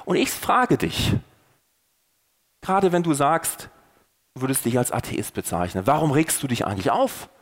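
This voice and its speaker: A man's voice: mid-range voice, very animated, normal speed, long pauses. A man hosting a faith podcast, preaching earnestly and putting rhetorical questions straight to the listener. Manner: earnest and persuasive, rising and falling for emphasis. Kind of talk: sermon-style podcast talk.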